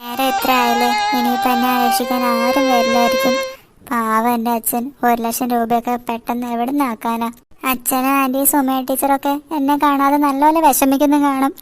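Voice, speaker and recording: ഒരു സ്ത്രീ കാർട്ടൂണിൽ പേടിച്ച ഒരു ചെറിയ സ്കൂൾ ബാലന് ശബ്ദം നൽകുന്നു, അവന്റെ സംസാരം യാചനയും ആശങ്കയും നിറഞ്ഞതാണ്. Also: female voice, fairly high pitch, little pitch movement, fairly quick, loud music behind the voice, close to an everyday voice. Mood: frightened. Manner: pleading, anxious. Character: frightened young schoolboy, gentle. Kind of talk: cartoon voice acting.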